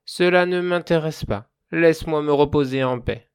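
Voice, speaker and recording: A man's voice: on the high side, expressive, unhurried, darkish tone. Man doing a little fire spirit, childlike, moody, grumbling, storybook voice. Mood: grumpy. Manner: grumbling, then bursting with childish delight. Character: small grumpy childlike male fire spirit.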